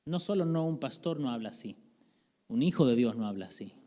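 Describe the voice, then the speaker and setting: A man's voice: medium pitch, expressive, a little fast, mellow. Reverberant preaching pastor, man. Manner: conversational, jokes and questions the congregation. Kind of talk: sermon. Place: church sanctuary. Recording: reverberant church hall.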